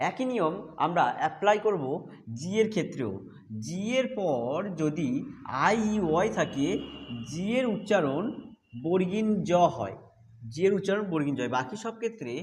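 High-voiced man teaching phonics. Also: animated, slight background noise. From Bengal. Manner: patient, repeats each rule slowly. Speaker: English teacher. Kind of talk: explaining a phonics lesson.

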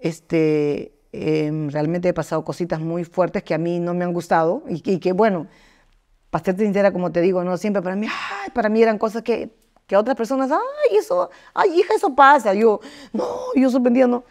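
A middle-aged woman and singer-songwriter telling personal stories in a candid interview, full of fillers and acting out what others said in higher voices. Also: moderate pace. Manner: lively storyteller, jumps into high voices to act out quotes, many fillers.

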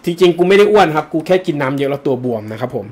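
Male exam tutor, slightly high voice, casual joker answering comments live. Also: expressive, racing, a little mellow. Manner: chatty and joking, casual slang. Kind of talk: live-streamed lesson answering viewer comments.

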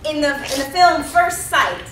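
Preaching a sermon in a church sanctuary, a thirty-something woman pastor tells the story through emphatic repetition. Her high voice is expressive, pushed and bright at a measured pace, caught by a distant pulpit mic with roomy church sound and slight background noise.

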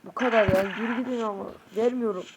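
A man, a gaming youtuber, a bit sick, giving casual gameplay commentary and shouting at his players. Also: sits high, quick pace. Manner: excitable, shouts at players, mutters curses. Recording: noisy home recording.

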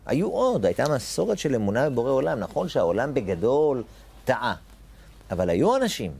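A man's voice: mid-range voice, big pitch swings, vocal fry, a little mellow, breathy edge. A man teaching a Torah lesson as a rabbi, posing rhetorical questions and repeating key phrases with emphatic rises on important words.

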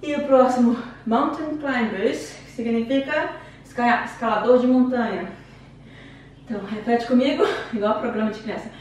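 A woman's voice: on the high side, normal speed, darkish tone. A woman with a Brazilian Portuguese accent coaching a home workout, chatty and encouraging, counting down reps while out of breath from exercising. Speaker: fitness instructor. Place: room at home. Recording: very echoey room, distant mic, faint noise.

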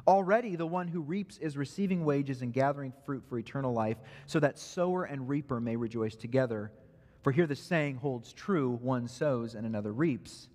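A man's voice: mid-range voice, a little mellow, long reverb tail. A man preaching an expository sermon who grows emphatic when he quotes scripture. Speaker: pastor. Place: church sanctuary.

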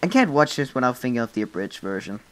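A man's voice: mid-range voice, very animated, fast, a bit bright, low-quality recording. A man giving blunt, sarcastic, profane anime commentary with friends. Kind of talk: casual group commentary.

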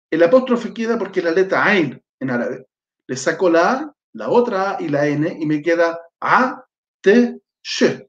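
A high-pitched man gives a patient language lesson, spelling out letters one by one and pausing to check his students follow. The sound is dull and lo-fi, with a noticeable echo from the room. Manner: slow, patient spelling out of letters and words, frequent checking "¿cierto?". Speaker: Arabic teacher. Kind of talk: live online language lesson.

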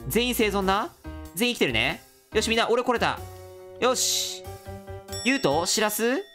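A woman's voice: medium pitch, lively intonation, a little slow, fairly bright tone, soft background music. A woman commentating a game, reading its text aloud and rallying the other players in a playful tone. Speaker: gaming channel host.

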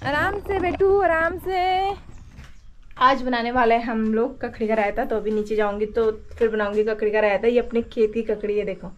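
High-voiced woman vlogging outdoors in fields. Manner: chatty, shows things to viewers. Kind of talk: casual farm vlog narration.

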